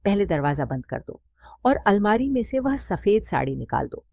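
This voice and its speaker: A woman's voice: mid-range voice, big pitch swings, normal speed, gravelly, darkish tone, no room sound, voice pushed up. A woman voicing a grieving, weak middle-aged widow who speaks tearfully to her son. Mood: pleading. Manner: tearful, pleading.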